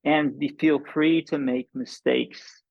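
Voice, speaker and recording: An older man from the United States, in his seventies, with a very gravelly voice sitting slightly high. He explains things in a casual, deliberate way, often restarting. The sound is close, dry and a bit dull. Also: steady tone, dry recording. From United States, born in New York. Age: 70s. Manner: deliberate, repeats words and restarts phrases. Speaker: polyglot language mentor and guest.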